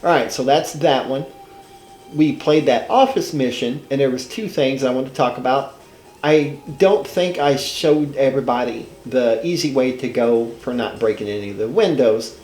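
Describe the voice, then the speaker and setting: An older man, a channel host, narrates a casual gameplay walkthrough while congested and stuffed up from a head cold. His mid-range voice is a little mellow and moves at normal speed in an echoey room. He rambles in a folksy way and keeps correcting himself.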